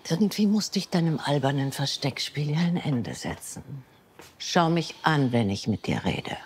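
A man's voice: on the high side, sing-song, normal speed, a little hiss or hum. An actor playing a domineering man in a TV drama, speaking with cold, threatening fury. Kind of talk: TV drama dialogue.

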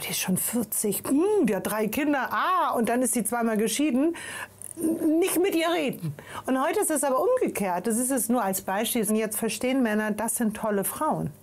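A woman's voice: a little high, darkish tone. A woman talking as a guest in a casual talk show conversation, making her case with passion. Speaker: guest, author.

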